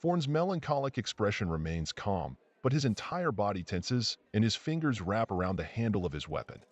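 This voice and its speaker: A man acts as a storytelling narrator in a fantasy game. His voice sits fairly low and swings widely in intonation as he delivers scripted description. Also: big pitch swings, moderate pace, no echo. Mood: descriptive.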